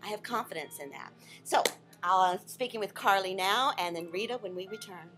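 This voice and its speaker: A woman's voice: mid-range voice, animated, brisk. Middle-aged woman host, upbeat and earnest, recorded on a laptop mic at a restaurant table with music behind. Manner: earnest, upbeat, talks about empowering women. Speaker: talk show host. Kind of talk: live casual chat show. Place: restaurant dining room, indoors.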